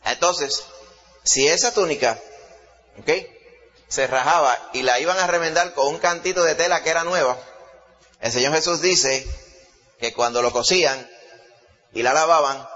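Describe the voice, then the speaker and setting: Predicador dominicano animado, sala con eco. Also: male voice, fairly high pitch, moderate pace, long pauses. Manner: lively, folksy, with homely examples and laughs. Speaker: preacher. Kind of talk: sermon. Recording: lo-fi sound with long reverb.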